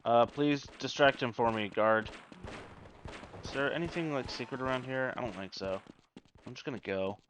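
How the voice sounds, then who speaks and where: A man's voice: medium pitch, normal speed, fairly bright tone, slight background noise. A man giving casual gameplay commentary, thinking aloud in a hesitant way. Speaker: gamer.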